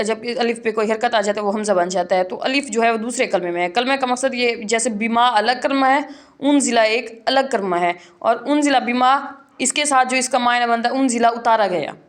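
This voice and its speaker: A woman teaching Quran reading in an online lesson, explaining rules and then slowly spelling out letters and drawn-out syllables. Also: fairly high pitch.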